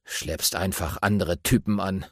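A man's voice: low-pitched, steady tone, unhurried, dry recording, clean studio sound, pitched below the performer's own voice. A man voicing a grumpy, greedy male badger who snarls and bosses others around, for a children's audiobook. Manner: snarling, bossy.

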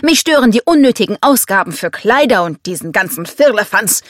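A domineering, scornful rich father, read by a woman, in a storybook reading. He commands rather than asks, with a lively, swooping pitch. The sound is dry and close. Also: fairly quick, no room sound, close to an everyday voice. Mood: commanding, scornful. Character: domineering rich American father, blunt and harsh.

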